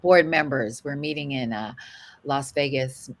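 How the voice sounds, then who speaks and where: A woman's voice: extremely low pitch, unhurried. A middle-aged woman co-hosting a show, chatting casually and greeting listeners by name. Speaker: radio co-host. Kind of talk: casual chat.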